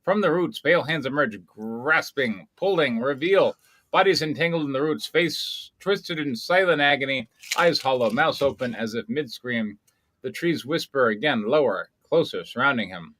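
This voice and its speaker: A man reading screenplay action lines aloud at a script workshop in a dramatic, measured way. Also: mid-range voice, animated, fairly bright tone, no room sound, poor audio.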